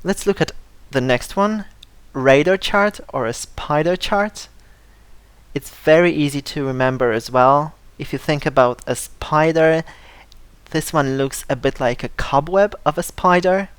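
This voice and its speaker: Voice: medium pitch, a little slow, clean tone, no echo. An English teacher giving a vocabulary lesson, speaking carefully, repeating word lists and modelling pronunciation. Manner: stresses syllables to model pronunciation.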